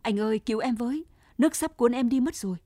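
A woman's voice: on the high side, animated, normal speed, darkish tone, no room sound, voice pushed up. A woman voicing a frightened eighteen-year-old farm girl who pleads anxiously. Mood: pleading.

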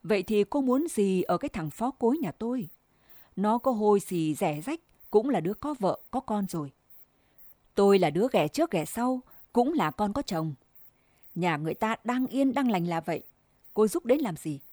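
A woman voicing a jealous village wife who berates her rival with sharp scorn. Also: mid-range voice, lively intonation, moderate pace, no echo, natural voice. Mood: scornful.

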